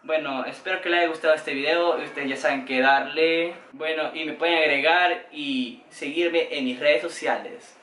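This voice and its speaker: High-voiced teen boy with a Salvadoran accent. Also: moderate pace, few pauses, a little hiss or hum. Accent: Salvadoran Spanish. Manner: playful, joking, lively gestures. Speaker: vlogger. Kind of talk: comic vlog monologue. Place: bedroom, indoors. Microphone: camera a few steps away. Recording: roomy bedroom echo.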